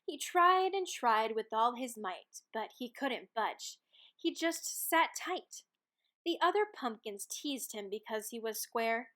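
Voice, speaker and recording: This woman has a fairly high voice with a sharp tone and lively intonation, and she reads slowly. As a storybook reader, she performs a rhyming children's picture book aloud, expressively and with dramatic weight on key words.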